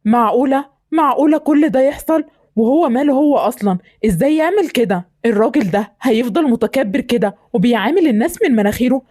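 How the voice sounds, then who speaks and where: A woman's voice: sits high, animated, quick pace, warm tone. A woman with an Egyptian accent voicing a kind, well-off engineer who turns indignant, in an amateur voice drama. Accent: Egyptian Arabic. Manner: generous and indignant.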